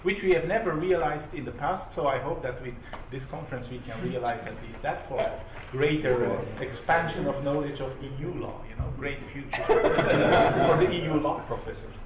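A man's voice: on the high side, normal speed, hardly any pauses. Man chairing a panel in an echoey room. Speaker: moderator of a panel discussion. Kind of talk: moderating a roundtable. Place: conference room with a panel on stage. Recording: echoey room, distant mic, audible hum.

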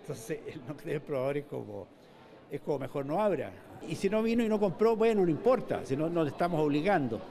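Very animated and a little fast, this older man's voice is on the high side, creaky, and warm in tone. He's a mall manager with a Chilean Spanish accent answering a reporter in an indoor shopping mall corridor, captured on a handheld mic, often restarting and repeating words.

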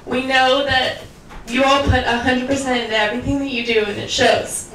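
A woman with a high voice delivers a heartfelt thank-you speech into a handheld mic. She is recorded from across an echoey lounge with faint noise behind. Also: flat delivery, moderate pace, a bit bright. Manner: heartfelt and earnest. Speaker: cruise passenger giving a thank-you speech. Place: ship dining lounge, indoors. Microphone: handheld microphone. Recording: echoey room from far off.

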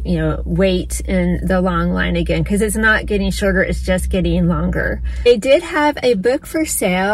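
A woman's voice: medium pitch, a little hiss or hum, rough recording. A middle-aged woman talking casually and eagerly to her phone camera from a parked car, vlogging. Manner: enthusiastic, chatty. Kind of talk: casual travel vlog talk. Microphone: phone at arm's length.

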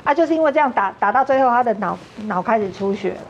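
Higher-voiced Taiwanese woman telling a story. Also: animated, fast, lo-fi sound, a little hiss or hum. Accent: Taiwanese Mandarin. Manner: earnest, acts out quoted dialogue. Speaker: talk show guest. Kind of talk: emotional personal storytelling.

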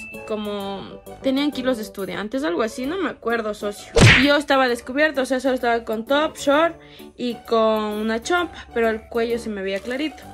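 A young woman tells a storytime vlog, playful and slangy, laughing at her own jokes. Her voice sits high, and music plays clearly behind her. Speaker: vlogger.

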